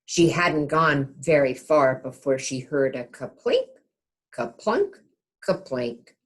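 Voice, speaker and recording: A woman with a low voice reads a picture book to small children in the lively style of a teacher, pausing at points to make sure her audience is following along.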